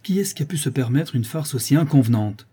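A man voicing an imperious, shrill noble countess who speaks in a piercing head voice, in an audiobook reading. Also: normal speed, mellow, husky. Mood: stern. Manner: haughty, impatient, commanding. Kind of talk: audiobook character voice.

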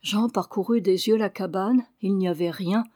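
A woman reading a classic adventure novel aloud in slow, measured literary narration. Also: mid-range voice, warm tone, no room sound, studio quality. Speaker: audiobook reader.

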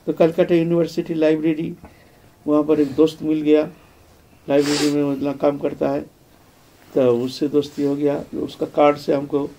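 An older man giving a devotional spiritual discourse, telling his life story in a reflective way with repeated phrases and soft trailing fillers. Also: on the high side, slight background noise. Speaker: spiritual speaker.

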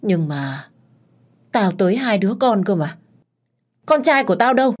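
A woman's voice: medium pitch, big pitch swings, measured pace, pitched above the performer's own voice. A woman voicing a confused older woman who babbles and laughs wildly. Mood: deranged. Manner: babbling, cackling.

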